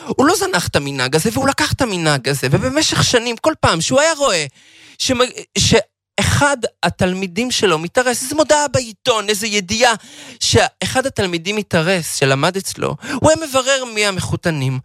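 Hebrew religious lecturer, man, very lively voice that swoops up and down, dry close sound, chanting storyteller. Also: high voice, no room sound. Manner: animated, acts out the people in the story. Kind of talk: storytelling Torah talk.

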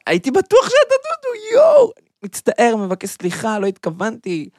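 A man voicing a cheeky young prankster who keeps loudly greeting a stranger and then gushing fake apologies. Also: sits high, animated, no room sound, clean studio sound, pitched above the performer's own voice. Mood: mock-friendly.

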